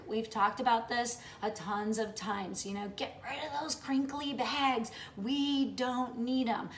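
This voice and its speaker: A woman's voice: sits high, echoey room, slight background noise. Chatty upbeat woman in her late fifties. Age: late 50s. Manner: chatty, upbeat, often ends with "okay?". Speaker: vlogger. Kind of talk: casual vlog talk to viewers.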